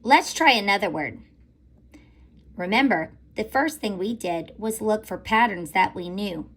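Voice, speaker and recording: A woman teaching a recorded phonics lesson to young children in an animated, sing-song teacher voice. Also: mid-range voice, unhurried, slight background noise. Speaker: elementary school teacher.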